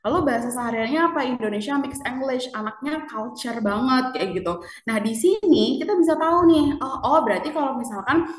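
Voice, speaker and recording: A woman's voice: high-pitched, expressive, a little fast, roomy sound, distant mic. A woman presenting a casual marketing lecture, chatty, often asking the audience questions.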